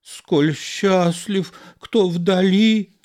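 A man voicing a fat, pompous, cowardly actor, reciting pastoral verse in a high theatrical voice that falters. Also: fairly even intonation, drawn-out words, darkish tone, clear, resonant tone. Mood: faltering.

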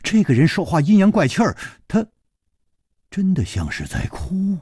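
Husky Beijing storyteller, lively pitch. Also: male voice, normal speed, no echo, studio quality. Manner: dramatic, swinging between hushed and heightened delivery. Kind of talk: traditional spoken storytelling.

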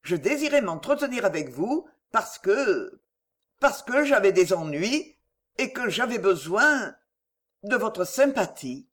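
Woman reading as a young noblewoman, weepy and pleading, high voice that swoops all over. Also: sing-song, slow pace, fairly bright tone, exaggerated voice. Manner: tearful, emotional, pleading delivery. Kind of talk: audiobook character reading.

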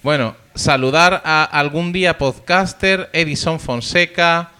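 A man's voice: a little high, a little slow, sharp tone, clear, resonant tone. A man with a Spain accent co-hosting a podcast, chatting casually and jokily and reading out listener mail. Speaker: podcast co-host.

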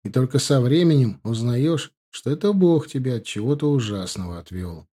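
A man's voice: medium pitch, lively intonation, moderate pace, dark tone, husky. A man narrating an audiobook in the first person, reflective and conversational.

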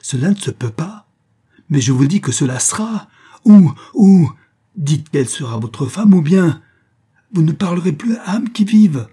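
A man voicing a desperate, vengeful middle-aged mother who pleads and then threatens, his voice raised well above his usual pitch. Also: brisk, warm tone, slightly rough. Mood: furious.

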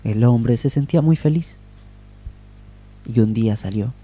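Male radio storyteller, very dark mellow tone, gentle unhurried delivery. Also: mid-range voice. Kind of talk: improvised story reading.

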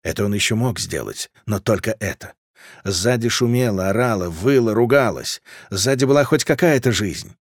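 A man's voice: on the low side, lively intonation, normal speed, dry recording, clean studio sound. Man reading a fantasy audiobook. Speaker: audiobook narrator. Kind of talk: scripted fantasy audiobook narration.

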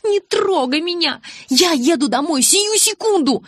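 Woman doing a shrill, furious teenage girl. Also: lively intonation, normal speed, husky, dry recording. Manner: shrill, high and shouting.

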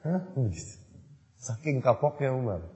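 A man preaching a sermon in storytelling mode, acting out the dialogue and rising to loud emphasis. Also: a little high, animated, normal speed, slightly rough. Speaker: Islamic preacher. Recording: dull lo-fi recording in a reverberant hall.

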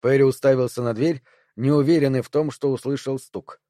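Mellow male audiobook narrator. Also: medium pitch, fairly even intonation, moderate pace, no room sound, studio quality.

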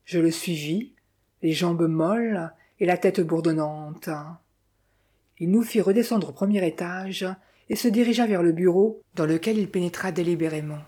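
A woman reading a mystery novel aloud in measured, dramatic first-person narration. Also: lowish voice, dark tone, breathy edge. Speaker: audiobook narrator.

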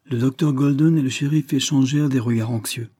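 A man narrating a French crime novel audiobook in a measured, even reading, close to the mic. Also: mid-range voice, no room sound. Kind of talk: scripted narration.

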